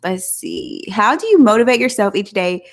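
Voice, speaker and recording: A woman's voice: mid-range voice, animated, moderate pace, creaky. Chatty woman with a country drawl. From Southeast Oklahoma. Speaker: vlog host. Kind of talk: casual live chat.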